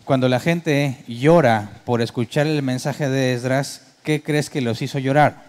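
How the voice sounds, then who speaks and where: A male pastor with a medium-pitched, slightly mellow voice preaches at a slightly slow pace. His sermon is conversational, full of rhetorical questions for the congregation, and he mimics worship keyboard sounds for comic effect.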